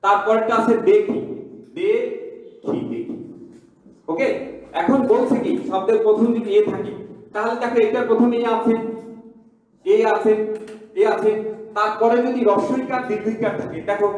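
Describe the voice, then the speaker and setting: A man's voice: sits high, steady tone, normal speed, pauses often, a little mellow. A male college teacher giving an online class lecture, explaining step by step, repeating himself and asking his students questions. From Bangladesh. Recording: very echoey room.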